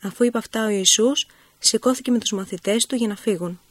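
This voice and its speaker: A woman calmly reading a Bible story in scripted, measured narration. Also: mid-range voice, slightly rough, no room sound.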